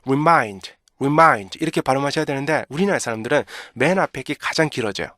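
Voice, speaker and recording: A man's voice: medium pitch, lively intonation, racing, no room sound, clean studio sound. A man teaching pronunciation, drilling sounds in rhythm and asking rhetorical questions. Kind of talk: pronunciation lesson.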